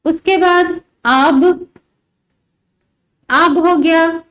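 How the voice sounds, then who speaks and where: A woman teaching a grammar lesson, explaining slowly and repeating examples, often checking whether the students understand. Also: very high voice, fairly even intonation, fairly bright tone.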